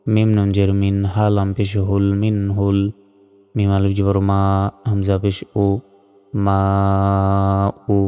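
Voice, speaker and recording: A man teaches Quran reading, spelling each letter carefully before chanting the verse slowly. His voice is low, mellow and smooth. It echoes with a long reverb over faint music. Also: monotone. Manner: slow, careful letter-by-letter spelling with drawn-out recitation.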